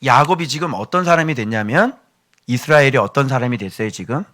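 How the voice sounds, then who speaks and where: A male pastor giving a sermon in an animated way, with joking asides to his congregation. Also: medium pitch, fast talker.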